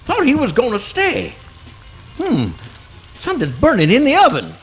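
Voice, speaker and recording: A man's voice: very high voice, wildly swooping pitch, normal speed, fairly bright tone, slightly rough, exaggerated voice, low-quality recording. A man voicing a good-natured, put-upon little swamp possum in a comic radio play. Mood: folksy, puzzled. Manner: folksy rustic dialect, plaintive.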